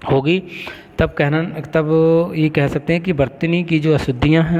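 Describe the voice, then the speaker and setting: A man teaching a college class, explaining step by step and often pausing to check the class is following. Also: a little high, darkish tone. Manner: explains with frequent checks of "ठीक है". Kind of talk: classroom lecture. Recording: long hall reverb.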